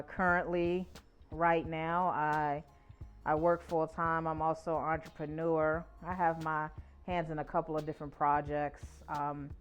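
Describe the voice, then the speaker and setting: A woman in her forties with a deep, clear, resonant voice hosts a podcast, opening the show and moving into conversation. She speaks in an earnest, uplifting way.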